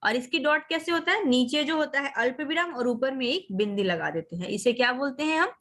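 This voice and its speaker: Woman teacher leading a video-call class for young kids; high, patient voice, coaxing pupils by name. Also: expressive, fairly bright tone. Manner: slow, drawn-out reading of example sentences; coaxing, addresses children as beta. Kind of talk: online class lesson.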